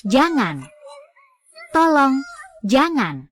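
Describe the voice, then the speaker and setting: A woman's voice: sits high, sing-song, very slow, fairly bright tone, dry recording, studio quality, exaggerated voice. A terrified young woman begging. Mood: terrified pleading. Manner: pleading, desperate cries for help. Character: frightened young woman trapped by her boss. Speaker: dubbing actress. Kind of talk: dubbed short drama acting.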